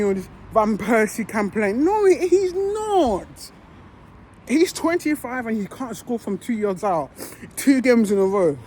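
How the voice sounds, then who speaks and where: A woman delivers an angry fan rant, cursing and repeating herself as she builds her case. Her pitch swings widely from low grumbles to sharp peaks, over a faint hum of background noise. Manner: heated, swearing, repeats herself. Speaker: football fan.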